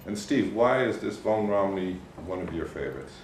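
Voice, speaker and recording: A man with a low voice chats through a wine tasting as co-host. He is recorded at some distance from the microphone in an echoey room, with faint noise underneath. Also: animated, brisk. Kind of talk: wine review, conversational interviewing. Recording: roomy echo, distant mic, faint noise.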